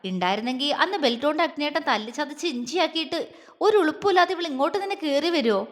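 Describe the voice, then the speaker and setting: A woman voicing a fierce, blunt young female friend who speaks angrily and sharply. Her voice is high. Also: lively intonation, quick pace, big-room sound. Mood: indignant. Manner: angry, sharp-tongued.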